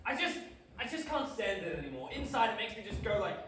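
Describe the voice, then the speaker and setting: An actor playing an excitable, fed-up young performer in an ensemble stage piece. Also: male voice, high-pitched, fast, recorded from a distance, heavy background noise. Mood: exasperated. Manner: exclamatory, theatrical outbursts. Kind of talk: devised ensemble theatre. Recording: echoey stage recorded from afar.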